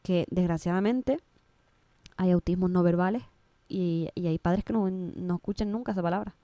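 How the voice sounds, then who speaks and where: A woman's voice: fairly low pitch, normal speed, dark tone, dry recording. A woman with a Canary Islands Spanish accent, a guest in an interview, speaking emotionally and often restarting and repeating her words. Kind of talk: casual interview conversation.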